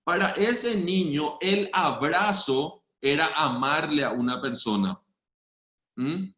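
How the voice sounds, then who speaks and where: A man's voice: fairly high pitch, slow pace, pushed and bright. Earnest man, roomy echo. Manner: earnest, checks in with listeners often. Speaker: trainer giving a seminar. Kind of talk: online training talk. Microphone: video call.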